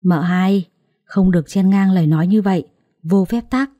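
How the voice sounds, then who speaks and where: A woman's voice: medium pitch, normal speed, warm tone, dry recording, muffled recording, lightly acted. A woman voicing a strict old household nanny in a storybook reading. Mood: stern. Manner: stern, proper.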